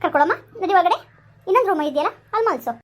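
A woman's voice: very high voice, lively intonation, very fast. A woman playing a scheming, preachy mother-in-law. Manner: falsely sweet, lecturing, bossy. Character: scheming mother-in-law posing as social worker.

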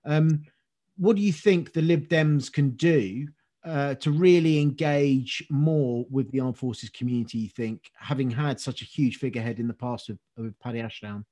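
A man's voice: mid-range voice, normal speed, warm tone. A man hosting an interview, asking earnest, rambling questions with frequent restarts and ums. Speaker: interview host.

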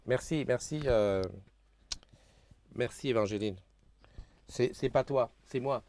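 Chatty, hesitant live-stream host. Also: male voice, mid-range voice, slow pace, darkish tone, slight background noise. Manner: chatty, hesitant, many fillers and restarts; reads viewer comments aloud. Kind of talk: casual live-stream chat. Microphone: new desk microphone being tested.

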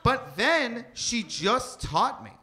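A young man doing a stand-up comedy set in a barbershop, animated and acting out quoted voices. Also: very high-pitched, slow pace. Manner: animated, acts out quoted voices, laughs mid-line. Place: barbershop before a live audience.

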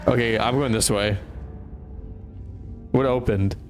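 A man streaming a horror game live, reacting excitedly and laughing often. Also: medium pitch, slow pace, soft background music. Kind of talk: live gaming commentary.

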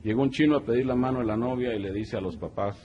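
A man's voice: medium pitch, fast, lo-fi sound, slight background noise. A man with a Guatemalan accent telling crude jokes in a casual storytelling way. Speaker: comedian.

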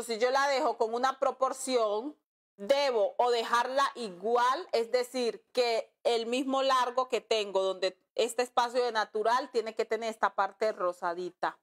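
A woman's voice: a little high, a bit bright. A woman teaching a nail class on a live stream, chatting with her viewers and calling them love and friend as she reads their comments. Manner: chatty, calls viewers "mi amor" and "amiga". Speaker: nail art instructor.

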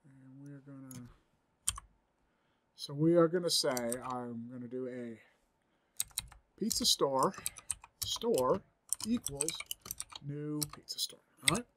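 A man's voice: mid-range voice, animated, takes it slowly, pauses often, background noise. A man in his forties giving a screen-recorded coding tutorial from a home office, thinking aloud as he types, upbeat and chatty. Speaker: programming instructor.

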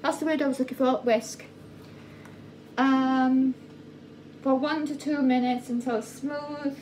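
A young woman with a somewhat high but mellow voice walks through a baking recipe in a home kitchen at an unhurried pace. She talks casually and stops often to correct herself or search for a word. The phone mic sits a little way off, with faint noise behind her. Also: steady tone, low-quality recording. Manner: chatty, halting with fillers and self-corrections. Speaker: vlogger. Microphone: phone camera at a distance.

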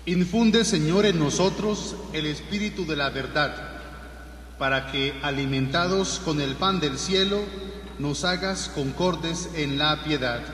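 A man, a priest, leading mass and reading parish notices in a slow, measured liturgical way, his voice ringing in a cathedral echo. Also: fairly high pitch, fairly bright tone, a little hiss or hum. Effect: cathedral echo, long church reverb. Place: large church. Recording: echoey church hall from far off, faint music.

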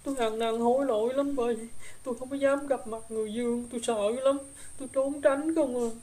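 Voicing a regretful young woman's ghost, once a gossip, a Southern Vietnamese woman rambles through the tale with filler particles in a rueful tone for a spirit possession drama. She speaks a little high and a little fast, with fairly even intonation and a dark tone close to an everyday voice.

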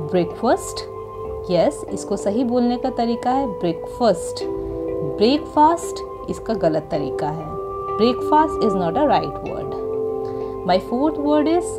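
Slow, careful Indian woman teaching pronunciation. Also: medium pitch. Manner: clear, careful enunciation of each word. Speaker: channel host and English pronunciation teacher. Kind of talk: slow, deliberate pronunciation lesson. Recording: music playing behind.

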